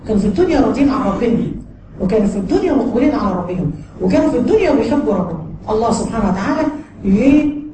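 Fast-talking Egyptian woman preaching. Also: high-pitched. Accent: Egyptian Arabic. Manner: lively, acts out quoted voices, frequent light laughs. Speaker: religious teacher. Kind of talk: religious lesson to women. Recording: roomy with ambient noise.

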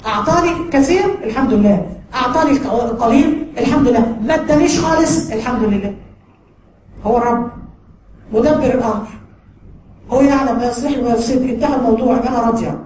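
A woman teaching a religious lesson in an Egyptian accent, lively and acting out the voices she quotes. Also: a little high, fast talker. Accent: Egyptian Arabic. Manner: lively, acts out quoted voices, frequent light laughs. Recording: roomy with ambient noise.

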